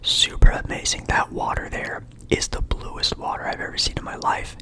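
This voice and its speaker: A young man from Portland whispering a relaxed, rambling ASMR chat in his apartment. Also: moderate pace. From Portland, Oregon, USA. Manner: soft rambling whisper, friendly and chatty. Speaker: ASMR creator.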